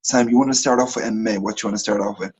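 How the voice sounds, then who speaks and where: A man co-hosting a casual sports podcast, telling animated, rambling stories in a husky voice. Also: lowish voice, racing, low-quality recording. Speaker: podcast co-host.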